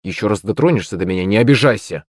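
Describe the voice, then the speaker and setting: A snarling, hot-tempered young woman fighter, as a man reads her part in an audiobook. She bites off each word, low and dry, with no room sound around it. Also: expressive, fast talker, dry recording. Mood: angry. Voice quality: snarling, clipped. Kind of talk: audiobook character reading.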